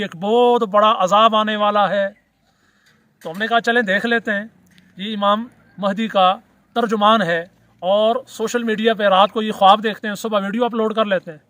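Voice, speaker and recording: High-voiced, sarcastic cleric. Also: male voice, a bit bright, no room sound. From Pakistan. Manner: sarcastic, mock-praising, formally polite. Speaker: cleric and mufti. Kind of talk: religious commentary video.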